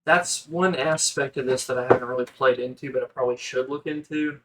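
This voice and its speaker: Player, man, mid-pitched, casual and uncertain. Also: fairly even intonation, a little fast, noisy background. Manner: asks rule questions, unsure. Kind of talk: casual tabletop game chat.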